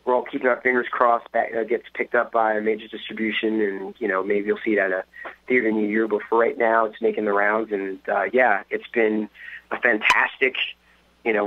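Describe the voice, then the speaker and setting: A man's voice: lowish voice, dry recording. A middle-aged man, a band member guest, rambling through a phone interview with lots of fillers. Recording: tinny phone line.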